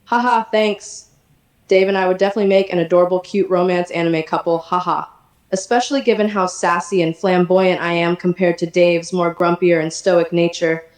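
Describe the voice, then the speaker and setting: Sassy chatty poodle girl done by a tts woman voice, kinda low, echoey. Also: fairly even intonation, moderate pace. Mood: playful. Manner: chatty, teasing, affectionate. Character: sassy energetic female poodle chatbot. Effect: text-to-speech voice.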